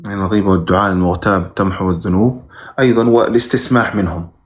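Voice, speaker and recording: A man's voice: deep voice, steady tone, racing. A man who teaches religion, reading viewers' questions aloud during a live stream and giving brief, plain answers with sudden emphatic rises.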